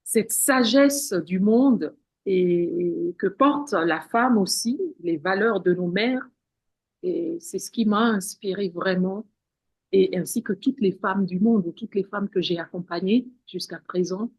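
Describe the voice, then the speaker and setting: Slow and a touch mellow, this woman's mid-range voice carries a gravelly texture with no echo around it. She's a women's wellness practitioner appearing as an interview guest, speaking in an earnest, spiritual way and frequently repeating words and restarting sentences.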